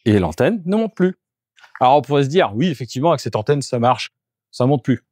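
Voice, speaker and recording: A geobiologist doing an energy clearing walks from room to room in a house, calmly and briskly explaining each test as he carries it out, in an on-the-spot demonstration. His middle-pitched voice is casual and step-by-step as he talks while working. The recording is dry and close with hardly any reverb.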